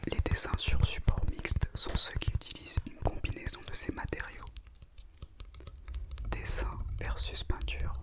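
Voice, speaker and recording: A woman reads an educational script in an intimate, unvoiced ASMR whisper.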